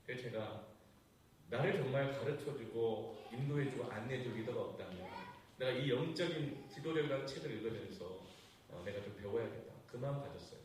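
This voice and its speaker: A man preaching a sermon as pastor, telling a personal story with sudden swings between loud outbursts and hushed asides. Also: mid-range voice, brisk, a little hiss or hum. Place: church sanctuary. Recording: echoey church hall, voice from far off.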